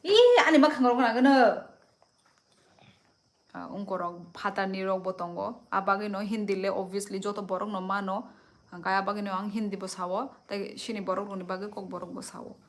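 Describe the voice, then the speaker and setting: A woman's voice: mid-range voice, little pitch movement, normal speed, fairly bright tone. A young woman hosting a casual livestream, chatting with her viewers and answering their comments as she switches between languages. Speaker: livestream host.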